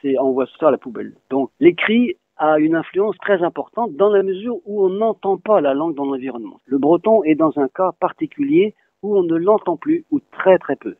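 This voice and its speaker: A man's voice: fairly high pitch, lively intonation, moderate pace, hardly any pauses, no room sound. A man who teaches a regional language, patiently answering interview questions and spelling words out letter by letter. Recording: dry, phone-like lo-fi sound.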